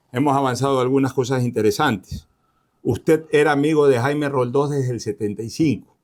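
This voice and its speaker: Direct Ecuadorian radio interviewer. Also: male voice, medium pitch. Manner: direct, pressing questions.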